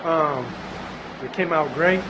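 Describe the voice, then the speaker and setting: A man's voice: fairly high pitch, slow, noisy background. A man narrating his own workshop vlog in a loose, chatty way, with many fillers and restarts. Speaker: DIY vlogger.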